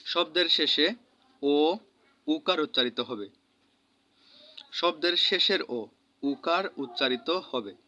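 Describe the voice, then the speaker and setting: A man with a Bangladeshi Bengali accent teaching a grammar lesson, saying each example word slowly and repeating it. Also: fairly high pitch, sharp tone. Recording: dull lo-fi recording.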